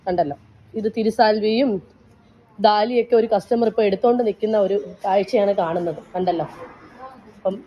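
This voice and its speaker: A woman's voice: mid-range voice, a little fast, pauses often, slight background noise. A woman casually chatting as she shows her plants and urges viewers to order, recorded at a plant nursery with muffled sound. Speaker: plant seller. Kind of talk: casual sales chat.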